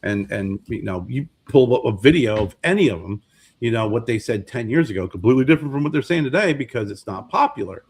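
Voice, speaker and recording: A man's voice: medium pitch, expressive, fast, darkish tone, husky. A man in his fifties co-hosting a podcast, chatting casually and often repeating words as he searches for the next one. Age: 50s. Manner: rambling, repeats words while searching for them. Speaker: podcast co-host. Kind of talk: casual chat.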